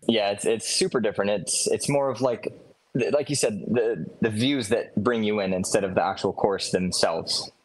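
A young man from Hawaii, a disc golf pro, answering interview questions in a relaxed, halting way. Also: fairly low pitch, rough recording. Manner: relaxed, hesitant with many restarts. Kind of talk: casual podcast interview.

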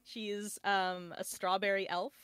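A woman with a mid-range voice chats as a guest on a casual podcast. She rambles warmly, often restarting her sentences mid-thought. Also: mid-range voice, flat delivery, takes it slowly, clean tone. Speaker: podcast guest, VTuber and artist.

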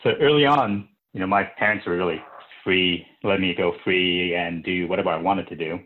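A man from Japan, a podcast guest, recalling his path in a reflective, relaxed way. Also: low-pitched, moderate pace. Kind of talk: interview answers. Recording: tinny phone-like line.

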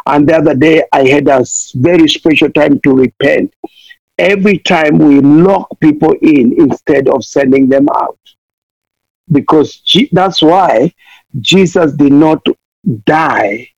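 A Kenyan man preaches fervently as a missionary guest, pleading again and again and playing on words with impassioned energy. His voice is a little high and a bit mellow, with vocal fry and an unhurried pace, captured in a dull, lo-fi, dry recording with no room sound.

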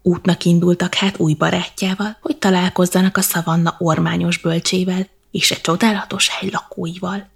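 A woman reading a bedtime story in a soft, slow, half-whispered manner. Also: fairly low pitch, flat delivery, gravelly, husky.

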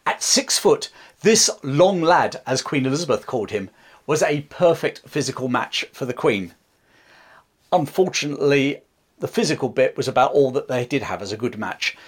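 A man narrating history as a channel host, dramatic storytelling broken up by chatty asides to the viewer. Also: fairly high pitch.

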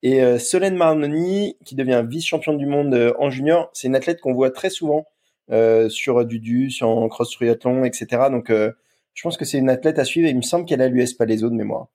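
Mellow-voiced man rambling on a podcast. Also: mid-range voice, brisk. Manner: rambling, repeats words. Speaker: podcast co-host. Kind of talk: casual podcast chat.

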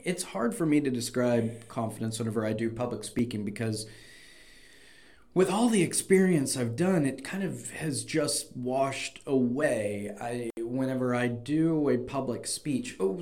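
A man's voice: medium pitch, expressive, normal speed, a little mellow. A man hosting a conversational podcast, explaining his points and giving encouraging advice like a coach. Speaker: podcast host and debate coach.

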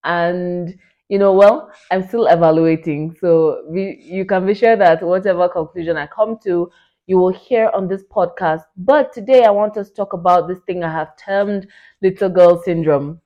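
A young woman in her late twenties hosts a solo podcast with excited, chatty energy. She pitches her voice fairly low and scatters "like" and "you know" through her talk. The recording sounds dull and lo-fi. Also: moderate pace. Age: 20s. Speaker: podcast host.

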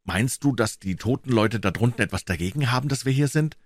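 Audiobook boy: a frightened lad whispering in the dark, pitched higher, read by a man. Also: expressive, fairly quick, no echo, studio quality, lightly acted. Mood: scared whisper. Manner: hushed, nervous, higher-pitched boyish voice. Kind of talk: audiobook character voice.

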